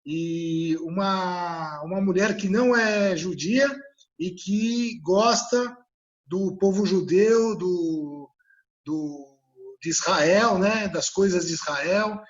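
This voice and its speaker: A man's voice: high-pitched, slow, highs cut off. A man hosting an interview, chatting casually and hesitantly, with frequent restarts. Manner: hesitant, many restarts and fillers. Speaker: interview host.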